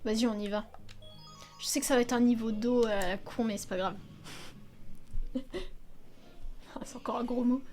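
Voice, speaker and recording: A young woman with a high, light voice talks her way through a video game in loose, chatty commentary. She exclaims often and swears freely. Faint game music plays quietly behind her. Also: steady tone, fast talker. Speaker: video game let's player. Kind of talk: casual gameplay commentary.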